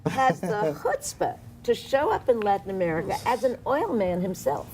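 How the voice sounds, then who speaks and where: A woman's voice: medium pitch, big pitch swings, normal speed, darkish tone, a little hiss or hum. A woman activist on a studio panel, giving impassioned political commentary with a sarcastic edge. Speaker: activist guest.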